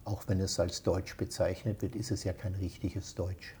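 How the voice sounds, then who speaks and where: A man in his sixties with an Austrian accent, a guest in a casual interview who explains things at length in a relaxed, matter-of-fact way. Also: low-pitched, normal speed. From Austria, near Vienna. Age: 60s.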